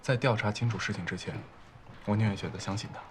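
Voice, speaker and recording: A man playing a calm, composed company boss. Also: lowish voice, slight background noise, close to an everyday voice. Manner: calm, measured and reassuring. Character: composed male boss, steady and loyal. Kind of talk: television drama acting.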